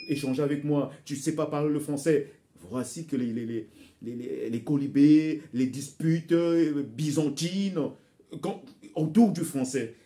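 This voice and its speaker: In this impassioned direct-to-camera vlog, a Congolese man who speaks Bembe urges his audience forward. His voice is dark and warm at mid pitch; he refers to viewers as brothers and sisters and repeats words while reaching for phrasing.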